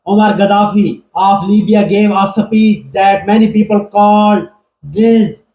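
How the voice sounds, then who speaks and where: A man's voice: high-pitched, fairly even intonation, normal speed, a little mellow, a little hiss or hum. A man narrating critical political commentary, editorializing as he introduces clips, recorded with a roomy echo. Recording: roomy, echoing voice track.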